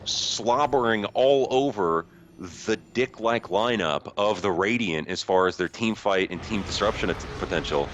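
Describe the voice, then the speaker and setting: A man's voice: lowish voice, a little slow, a bit bright, muffled recording. A man giving casual, joking play-by-play commentary on a video game. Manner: joking, conversational. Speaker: esports commentator.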